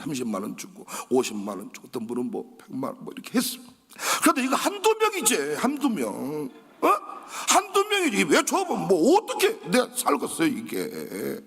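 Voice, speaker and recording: A middle-aged pastor with a Jeolla accent, preaching an animated storytelling sermon and acting out conversations in different voices. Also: male voice, fairly high pitch, slightly rough. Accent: Jeolla Korean. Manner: dramatic, acts out dialogue in shifting voices. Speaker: guest pastor. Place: large church sanctuary. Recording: echoey church hall.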